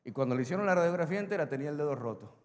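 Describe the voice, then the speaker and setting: A man preaching a sermon as pastor, swinging between loud emphatic lines and quiet asides. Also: on the high side, animated, racing. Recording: long hall reverb.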